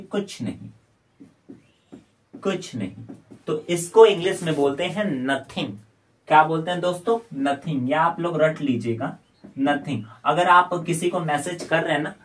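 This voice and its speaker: A young man teaches spoken English, walking through each phrase step by step. His voice sits a little high for a man. He says sample sentences slowly and repeats them so learners can follow. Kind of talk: spoken English lesson in Hindi.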